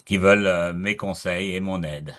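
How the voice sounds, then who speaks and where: A man with a very low voice speaks casually on a video call. He introduces himself as an adviser in an informal, conversational way. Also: fairly even intonation, moderate pace, a bit bright. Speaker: volunteer adviser.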